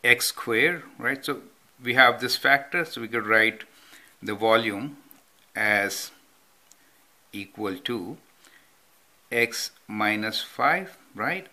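Taking it slowly in a sharp, low-leaning voice, a man teaches a math problem step by step while writing it out. Off camera over his handwritten notes, he often checks in with "right?".

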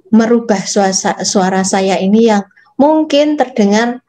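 A woman's voice: medium pitch, measured pace. A woman, teaching public speaking in a chatty workshop lecture, addressing her audience directly. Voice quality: soft, gentle voice. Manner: demonstrates phrasing by reading aloud.

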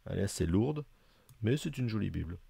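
A man's voice: on the low side, animated, brisk, gravelly, dark tone, slightly rough, no room sound. A man giving a casual, explanatory review, talking hesitantly with many fillers and chatty asides. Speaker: video presenter reviewing books.

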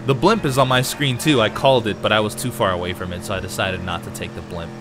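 Over music, a fairly low-pitched man talks fast while playing a video game for his viewers. Nasal from a cold, this let's play host keeps up casual, chatty, excitable commentary aimed at the audience.

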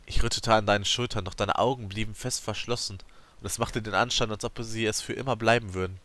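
A let's play host giving an emotive, theatrical reading of a game's story text, rising and falling in loudness. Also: male voice, on the low side, steady tone, fast talker.

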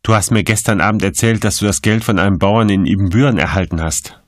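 Stern male judge, played by a man, cold, measured, deep voice. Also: no echo, studio quality, close to an everyday voice. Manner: firm, cold, measured questioning.

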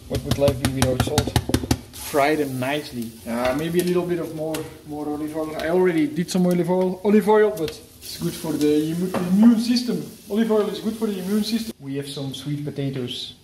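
A man whose native language is Dutch films a lighthearted cooking demo in his kitchen, cracking jokes and restarting phrases. He speaks fairly quickly in a slightly high, slightly mellow voice. The moving handheld camera mic records echo, frying sizzle, and slight background noise.

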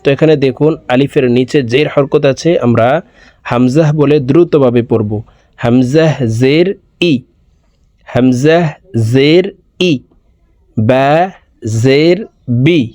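A man teaching Quran reading, sounding out letters and vowels slowly one by one, with brisk explanations between them. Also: medium pitch, mellow, dry recording, clean studio sound. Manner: drawn-out syllables with quick explanations between. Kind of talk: slow letter-by-letter recitation lesson.

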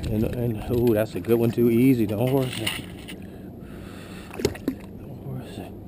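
A middle-aged man coaching his wife as she fishes from a small boat, calmly repeating short instructions. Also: medium pitch, measured pace. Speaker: husband filming a fishing trip. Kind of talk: casual coaching while fishing. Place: small boat on a river outdoors. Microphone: head-mounted action camera. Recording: outdoor wind and water noise. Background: boat and water noise.

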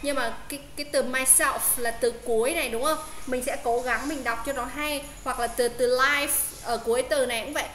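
A woman's voice: high voice, fairly even intonation, fairly quick, hardly any pauses, a bit bright, reverberant. A woman tutoring English pronunciation on a video call, explaining with many fillers and checking questions. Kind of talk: casual online tutoring. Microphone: Zoom call.

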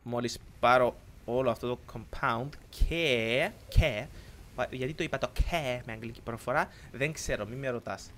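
A young man with a Cypriot Greek accent, giving casual let's-play commentary in an excitable, rambling way, often slipping in English words. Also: mid-range voice, a little hiss or hum. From Cyprus. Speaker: gaming YouTuber.

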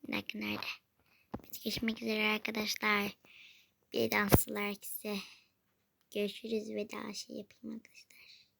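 A woman's voice: medium pitch, completely flat delivery, moderate pace, creaky, pauses often, fairly bright tone, no echo. A woman giving casual gameplay commentary, talking to herself and often slipping into a whisper. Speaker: gaming video creator.

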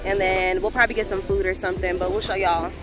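A woman's voice: mid-range voice, little pitch movement, fast talker, loud music behind the voice. An American woman in her twenties chatting casually to a handheld camera outdoors at the beach. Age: 20s. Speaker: vlogger. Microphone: handheld camera at arm's length.

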